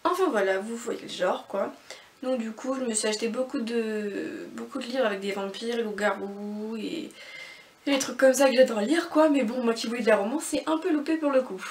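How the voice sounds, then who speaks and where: Young woman, book vlogger, chatty and rambling, higher voice, echoey room, a bit far from the mic. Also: normal speed. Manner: chatty, rambling, many fillers. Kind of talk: casual book haul vlog. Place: bedroom with bookshelf and mirror.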